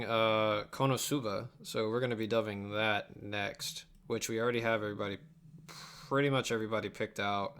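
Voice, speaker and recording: Working on an abridged anime dub during a livestream, a young adult man mumbles distractedly and thinks out loud in casual chat. His voice sits on the low side, sharp in tone yet smooth. The indoor computer setup picks up faint keyboard and room noise.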